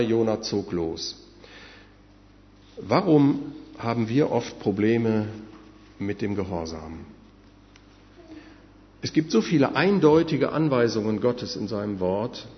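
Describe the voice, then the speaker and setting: A man's voice: medium pitch, vocal fry. A man preaching a sermon in an earnest way, speaking directly to his listeners. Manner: earnest, addresses listeners directly, some fillers. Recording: dull sound with long hall reverb.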